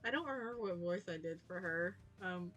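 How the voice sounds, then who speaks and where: A woman's voice: lowish voice, animated, brisk, fairly bright tone. A woman hosting a gaming video, reading game text aloud and commenting in an informal, giggly, self-interrupting way. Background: music.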